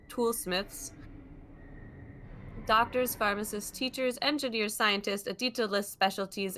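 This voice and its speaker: Woman reading as a robotic, flat official. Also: mid-range voice, lightly acted. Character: cold female official reading a memo flatly.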